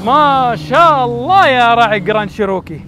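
Excited high-voiced Gulf Arabic man, outdoors. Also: brisk, noisy background. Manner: shouting, cheering, teasing drivers. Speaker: channel host filming from the crowd. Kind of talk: excited live commentary on off-road driving. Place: outdoors at sand dunes.

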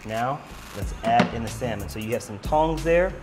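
A man's voice: mid-range voice, lively intonation, normal speed, over music, rough recording. Upbeat man directing a cooking session. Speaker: cooking show host. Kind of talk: instructing a guest while cooking. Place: home studio kitchen.

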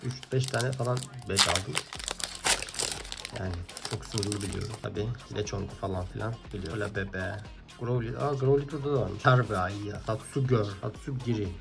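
A man with a gravelly, fry-edged voice hosts a card-opening video in a casual, chatty way. He murmurs card names as he flips through the packs and breaks into loud, excited exclamations at the big pulls. Soft music plays faintly in the background. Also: lowish voice, moderate pace. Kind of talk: casual pack-opening commentary.

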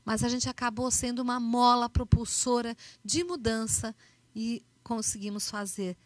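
A woman with a Brazilian accent gives an animated motivational talk, acting out little dialogues as she tells her stories. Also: a little high, moderate pace, no echo. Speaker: speaker.

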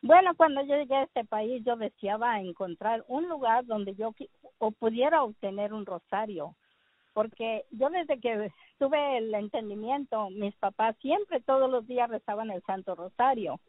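Her voice a little high and a little slow, a middle-aged woman from Jalisco, Mexico, phones in her testimony, hesitating often and using plenty of fillers. There's no echo; the line sounds dry and tinny.

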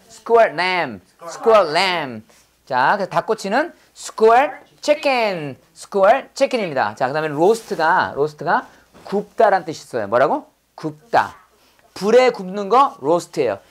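A middle-aged woman teaching English vocabulary, leading slow call-and-repeat drills and coaxing her students to say each word after her. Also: fairly low pitch.

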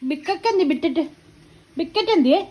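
A woman's voice: very high-pitched, animated, brisk, a little mellow. A mother at home talking to her toddler in coaxing, teasing baby talk full of repeated questions.

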